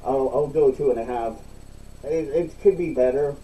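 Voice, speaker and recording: A man giving a casual, unscripted review in a halting, repetitive way, recorded slightly away from the mic. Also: mid-range voice, dark tone, recorded from a distance, rough recording. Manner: halting, repeats himself. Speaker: product reviewer.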